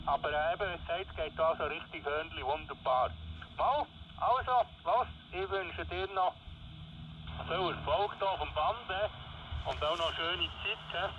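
A man's voice: a little high, a little slow. Swiss German man over a crackly radio. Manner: chatty, tags sentences with little "hä" and "gell". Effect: voice coming through a radio receiver's speaker, with static. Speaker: ham radio operator on the other end. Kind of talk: casual radio contact. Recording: muffled, distant radio audio with light hiss.

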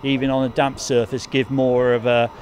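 A man's voice: mid-range voice, little pitch movement, moderate pace, darkish tone. An older man interviewing a race driver outdoors in a paddock, talking in a chatty, friendly way with a handheld mic. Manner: chatty and friendly, with filler ums. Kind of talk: casual motorsport interview. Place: outdoors in a race paddock beside a team truck. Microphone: handheld mic with fluffy windshield. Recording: faint outdoor background noise.

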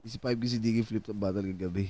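A man's voice: lowish voice, steady tone, quick pace, dark tone, a little hiss or hum. A man streaming a role-play game, chatting in character, joking and swearing freely. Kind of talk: casual in-character game chat.

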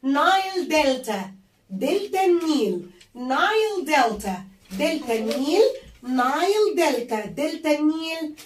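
High-voiced Egyptian woman drilling English words. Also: sing-song, unhurried, roomy sound, recorded from a distance. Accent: Egyptian Arabic. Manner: drills vocabulary, repeating each word many times; switches between English words and Arabic explanations. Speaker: English teacher for young children. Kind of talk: children's English lesson.

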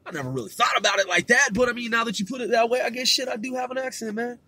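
This middle-aged podcast host from the West Coast has a very high, gravelly, sharp-toned voice and talks very fast, with no echo. His monologue is rambling and laid-back, loaded with slang, swearing, and filler words.

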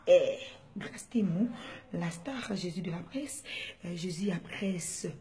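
Woman, casual greeter, low and mellow, talks in French and Lingala and calls out names one after another. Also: expressive, slow pace. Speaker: commentator sending greetings. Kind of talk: casual chat.

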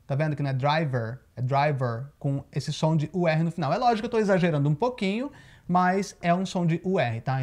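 A man's voice: on the high side, darkish tone. Brazilian man teaching English pronunciation. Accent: Brazilian Portuguese. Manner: explains patiently, often checks in with "tá?". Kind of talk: casual video lesson. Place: living in the United States.

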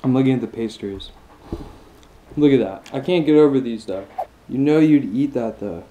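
A man's voice: mid-range voice, moderate pace, mellow, slight background noise. A man in his twenties giving a casual mukbang tasting review, enthusiastic and chewing between lines with long mmm sounds. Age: 20s. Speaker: food vlogger.

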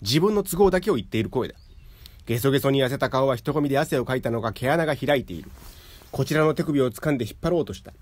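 A man reading literary fiction aloud in a calm, measured way. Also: mid-range voice, no echo. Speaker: narrator.

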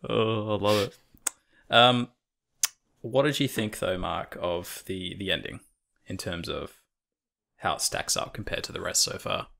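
A man's voice: sits low, fairly even intonation, measured pace, vocal fry, long pauses, pushed and bright. A man co-hosting a podcast, chatting casually and enthusiastically, with loose and casual swearing. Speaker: podcast co-host.

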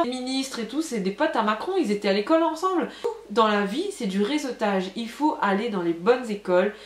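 A young woman from France, talking frankly and casually about her studies and jobs, with lots of fillers. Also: on the high side. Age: young adult. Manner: chatty, frank, many fillers. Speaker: vlogger. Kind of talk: casual storytelling to camera. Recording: echoey room.

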